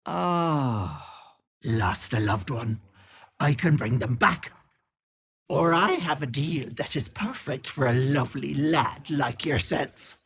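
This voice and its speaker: An actress playing a wicked old hag who poses as a kindly auntie in a video game, sly, wheedling and sharp-tongued, with sugary endearments. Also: female voice, a bass voice, animated, takes it slowly, husky, heavily acted. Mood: sly, bargaining. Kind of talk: game voice acting, theatrical.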